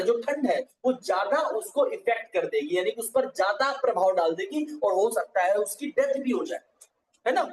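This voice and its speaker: A man's voice: very high-pitched, recorded from a distance. Male farming trainer, patient step-by-step explainer, roomy echo, a bit away from the mic. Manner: explains step by step, often checks that viewers follow. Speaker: agriculture trainer. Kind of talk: live online teaching session. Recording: echoey room, voice set back from the mic.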